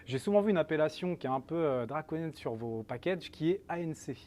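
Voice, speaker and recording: A man's voice: fairly high pitch, animated, a little fast, a little mellow. A man hosting a live, casual product interview, asking informal, slightly rambling questions. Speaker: host and interviewer, store salesperson.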